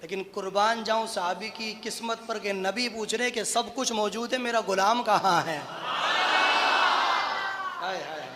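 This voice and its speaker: A man preaching a fervent sermon at a mosque gathering, moving from quiet storytelling to loud exhortation. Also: high-pitched, unhurried, creaky, long pauses, long reverb tail, a faint crowd. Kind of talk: impassioned sermon. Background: congregation.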